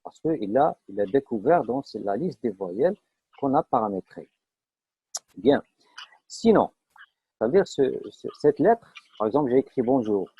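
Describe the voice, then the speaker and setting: Guy teaching a coding class online, lots of "donc" and "d'accord?", husky, muffled call audio. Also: mid-range voice, big pitch swings, unhurried, long pauses, dark tone, no room sound. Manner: explains step by step with many fillers and checks for understanding. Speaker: programming teacher.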